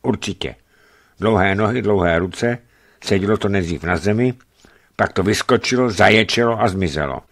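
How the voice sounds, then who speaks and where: A man voicing an excited young travel companion who talks urgently and agitatedly, in a read-aloud story. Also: on the low side.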